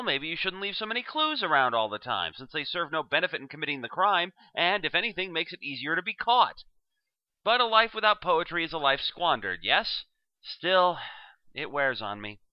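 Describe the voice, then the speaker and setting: A man plays an aging male supervillain giving a farewell staff speech in a comic dramatic reading. His phrasing is genteel, florid and sentimental, and his pitch sweeps up and down theatrically. The recording is dry and a little dull. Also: dry recording. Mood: weary, grandiose.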